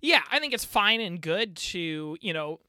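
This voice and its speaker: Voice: mid-range voice, sing-song, unhurried, pushed and bright, clear, resonant tone, dry recording, studio quality. A podcast co-host in casual chat, giving easygoing, reflective opinions.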